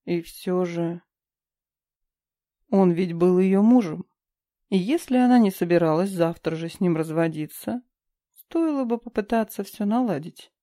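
A woman reading a novel aloud as an audiobook narrator, calm and even. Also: on the low side, measured pace, pauses often. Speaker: audiobook reader. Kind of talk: scripted narration.

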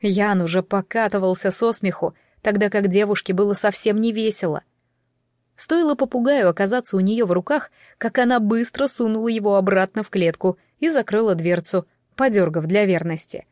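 Woman narrator, expressive audiobook reading, mid pitch, dry booth sound. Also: normal speed, dry recording. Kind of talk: scripted narration.

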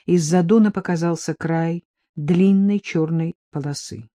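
A woman reading a story aloud in a steady storytelling manner. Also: fairly low pitch, measured pace, dry recording, clean studio sound. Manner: steady storytelling, voices the characters. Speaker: audiobook reader. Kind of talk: scripted narration.

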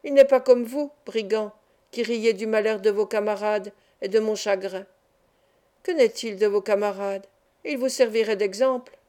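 A woman's voice: mid-range voice, normal speed, mellow, natural voice. A woman reading an audiobook and voicing a sly, cruel master of children who talks in a honeyed, mocking way. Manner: honeyed, mocking, with sudden threats. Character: sly, cruel middle-aged man, a child-exploiting master.

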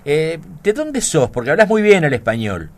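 A man's voice: a little high, huge pitch swings, moderate pace. A man hosting a radio interview, asking questions with fillers and restarts. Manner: fillers, apologetic and hesitant. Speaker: radio host.

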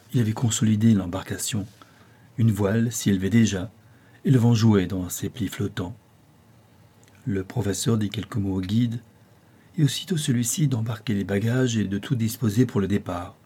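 A man reading a classic adventure novel aloud in a measured, expressive style. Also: on the low side, husky. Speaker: audiobook reader. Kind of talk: scripted novel narration.

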